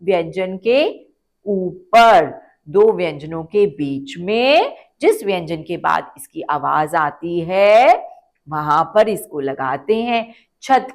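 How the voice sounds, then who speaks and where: A woman leads a phonics class for young children. She speaks at a very slow, deliberate pace, stretching the sounds and repeating each word. She asks questions and answers them herself. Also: lowish voice. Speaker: children's Hindi teacher. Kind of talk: slow, drawn-out phonics lesson for kids.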